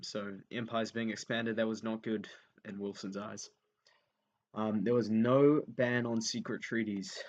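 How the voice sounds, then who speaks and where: Young male tutor, low voice, off-the-cuff revision lesson, hesitant and repetitive as he writes notes, dull lo-fi sound. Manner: thinks aloud with many ums, repeats key points as he writes them down. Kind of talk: unscripted revision lesson while writing notes.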